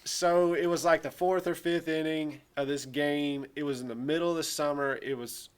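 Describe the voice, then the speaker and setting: A man who coaches baseball, telling a personal anecdote in a casual, animated way and playfully exaggerating. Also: on the high side, moderate pace, clear, resonant tone.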